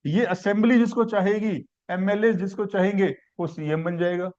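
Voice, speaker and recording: High-voiced man teaching a civics class. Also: steady tone, normal speed, darkish tone, muffled recording. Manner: questioning, explains step by step with simple examples. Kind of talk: classroom lecture.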